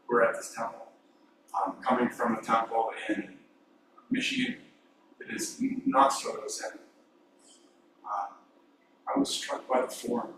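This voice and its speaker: A man in the audience at a retreat, asking a question hesitantly and thoughtfully, with many fillers. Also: medium pitch. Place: meditation hall, far from the mic. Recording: distant, echoey hall with clear hiss.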